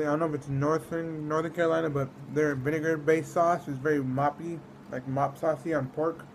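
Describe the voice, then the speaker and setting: A man's voice: a little high, slight background noise, rough recording. A man from the United States giving a casual, rambling food review, often trailing off mid-thought. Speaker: snack reviewer.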